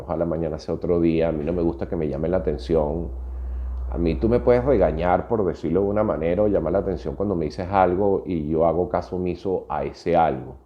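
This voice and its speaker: A man's voice: extremely low pitch, dull audio. A Venezuelan man in his fifties with a Venezuelan Spanish accent, telling a personal story in a reflective podcast monologue with frequent hesitations. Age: 50s. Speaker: podcast host.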